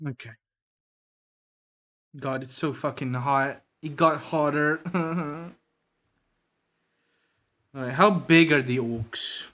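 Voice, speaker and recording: A man's voice: a little high, slow, long pauses, fairly bright tone. A man, chatting casually and laughing often while he draws on a live stream. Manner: laughing often, loose and joking. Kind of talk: casual chat while drawing.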